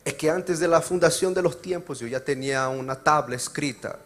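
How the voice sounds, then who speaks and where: A male pastor preaching a sermon, moving between loud emphatic passages and quiet, slow explanation. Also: a little high. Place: church service.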